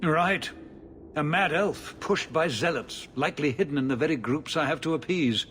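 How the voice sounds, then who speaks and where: A man's voice: fairly high pitch, normal speed, a bit bright, a little hiss or hum, close to an everyday voice. A man playing a weary, rueful ruler in a video game, speaking in clipped, ironic phrases. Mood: weary irony.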